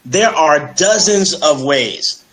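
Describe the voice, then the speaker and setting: Upbeat fitness coach man, fairly high voice. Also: slow, low-quality recording. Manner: energetic, persuasive, many fillers like "you know". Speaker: fitness coach, interview guest. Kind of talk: casual interview on a live stream.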